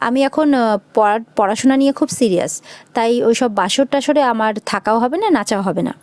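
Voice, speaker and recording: A woman's voice: fairly high pitch, brisk, darkish tone, no echo, lightly acted. Woman reading as a bashful young wife. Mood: bantering. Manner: bashful, bantering. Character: young wife, shy and bantering.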